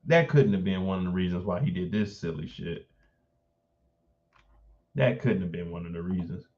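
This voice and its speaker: A man's voice: sits low, moderate pace, a little mellow, highs cut off. A man hosting a casual live stream, reading an article aloud and breaking off to react with blunt, informal asides.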